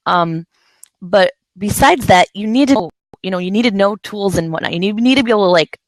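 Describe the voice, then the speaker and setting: A woman from the San Francisco Bay Area hosts a casual live video chat, rambling in loose sentences packed with fillers and restarts. Her medium-pitched voice moves a little fast, with no echo, and the audio quality is poor.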